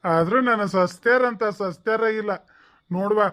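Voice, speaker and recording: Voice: mid-range voice, moderate pace, a bit bright, lightly acted. A performer voicing a lazy, boozy old village father-in-law in a cartoon comedy, grumbling in a North Karnataka Kannada accent. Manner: grumbling, complaining.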